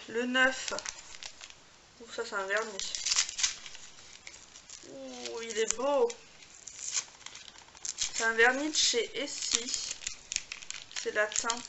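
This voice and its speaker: A woman's voice: a little high, very slow, long pauses. Gushing woman vlogger, noisy home recording. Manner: gushing, chatty, filler-heavy. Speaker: beauty vlogger. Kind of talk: casual unboxing chat to camera.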